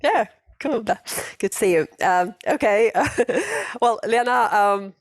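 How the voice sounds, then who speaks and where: A woman in her 40s hosts an English conversation class in a casual online chat, laughing often, chatty, and frequently restarting her sentences. Her voice is fairly high and very animated, though she speaks at a slow pace. The sound is dry and close, like a video call.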